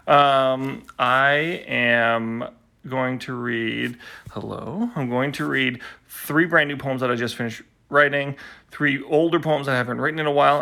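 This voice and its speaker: A man's voice: mid-range voice, vocal fry, sharp tone. A man hosting his own live poetry stream, chatting and teasing viewers in a rambling way while he waits to start, recorded on a phone indoors at home. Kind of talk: casual chat to live viewers.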